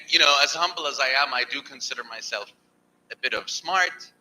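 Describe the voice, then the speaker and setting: Emphatic man with a bright voice. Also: medium pitch, a little hiss or hum, poor audio. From Germany. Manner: emphatic, persuasive. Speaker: panelist. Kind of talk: panel discussion. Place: event hall.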